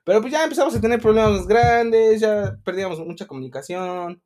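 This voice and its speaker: A man's voice: high voice, animated, brisk, a little mellow. A young man telling a personal story to friends in casual chat, rambling with lots of fillers and laughter. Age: young adult.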